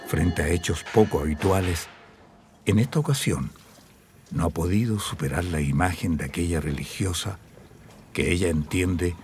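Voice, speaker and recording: A man narrating a television drama in a grave, measured tone, with a Chilean accent. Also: low-pitched, a little mellow, slight background noise. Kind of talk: scripted documentary-drama narration.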